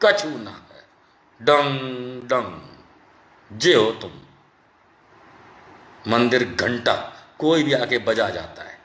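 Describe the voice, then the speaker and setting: A man's voice: mid-range voice, animated, extremely slow, long pauses, fairly bright tone. Sarcastic ranting man, echoey room. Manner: mocking, sarcastic, heckling. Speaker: political commentator. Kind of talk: angry political rant.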